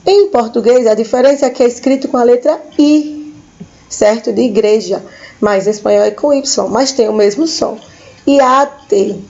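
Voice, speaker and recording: A woman's voice: on the high side, moderate pace, gravelly, dark tone, dull audio. A woman teaching a school lesson, patiently repeating each word for her pupils. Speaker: Spanish teacher.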